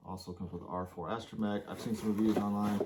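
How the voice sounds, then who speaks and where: A man's voice: lowish voice, flat delivery, fast talker. A man giving casual, enthusiastic unboxing commentary as a toy collector, rambling a little with fillers and sounding slightly out of breath. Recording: clear background noise.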